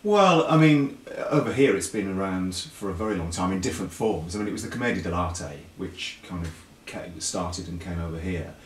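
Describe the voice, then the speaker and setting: A British man with a low voice and lively intonation talks briskly with few pauses as a chat show guest. He's a pantomime writer and performer, explaining things casually and chattily while often restarting his phrases. The room is echoey, the mic distant, and there's faint background noise.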